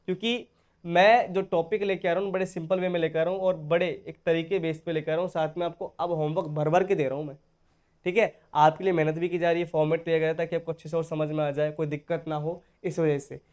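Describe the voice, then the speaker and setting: Male tutor, high and clear, patient step-by-step explainer to his students. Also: level tone, fast, a little mellow. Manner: explains step by step, often checking in with "okay?"; addresses viewers as dear students. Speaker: English teacher. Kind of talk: online spoken-English lesson.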